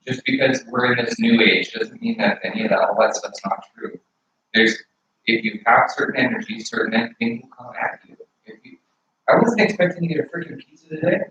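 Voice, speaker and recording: A man's voice: medium pitch, lively intonation, a little fast, sharp tone, slight background noise. Rambling earnest man in an echoey room. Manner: rambling, earnest, many restarts. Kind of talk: casual argument. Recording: echoey room, far from mic, dull.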